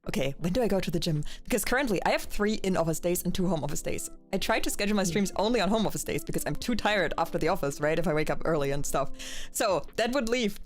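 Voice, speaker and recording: A young woman co-hosting a podcast in casual chat, chatty and self-mocking and quick to laugh. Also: on the low side, lively intonation, faint music behind. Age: young adult. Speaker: podcast co-host.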